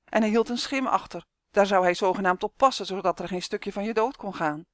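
A woman's voice: medium pitch, a little fast, no room sound, studio quality, close to an everyday voice. A woman voicing a homesick male elf trapped in a duck's body, whining and buzzing his complaints. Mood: indignant. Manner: whiny, sulky, buzzing complaints. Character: grumpy homesick male elf stuck as a duck.

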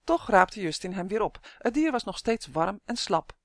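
A narrator reading a children's storybook aloud in a steady, clear telling. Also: medium pitch, moderate pace, dry recording. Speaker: audiobook narrator.

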